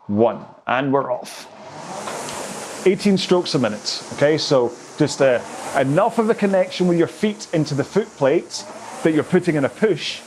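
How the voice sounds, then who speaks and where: Chatty rowing coach. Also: male voice, on the high side, lively intonation, moderate pace, a little mellow, slight background noise. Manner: chatty, rambling, self-aware explanations. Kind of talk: workout instruction.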